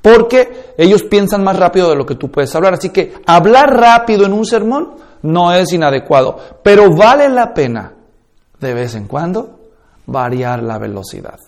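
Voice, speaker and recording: High-voiced man teaching preachers. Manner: emphatic, instructive, addresses listeners directly; demonstrates tones and speeds with his own voice. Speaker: preaching instructor. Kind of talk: course lecture on preaching.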